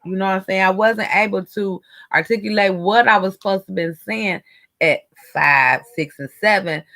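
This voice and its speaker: A woman's voice: medium pitch, normal speed, fairly bright tone. A middle-aged woman, chatting candidly to her viewers while she eats and does her makeup. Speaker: lifestyle vlogger. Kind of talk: casual chat while doing makeup.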